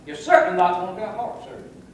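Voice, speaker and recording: A high-pitched, expressive man in his 60s from North Carolina speaks quickly, pacing and gesturing as he gives a folksy, preacherly motivational speech to youth in a large wooden camp hall. A far-off camera picks him up in the echoey hall, with slight background noise.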